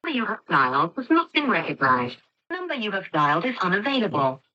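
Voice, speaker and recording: A woman's recorded voicemail announcement, played over a phone line in a formal, measured announcer delivery. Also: mid-range voice, big pitch swings.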